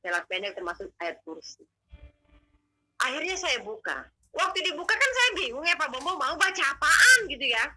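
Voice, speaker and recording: A woman telling her testimony as a guest, in animated, emotional, slangy conversational storytelling. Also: high voice, normal speed, low-quality recording.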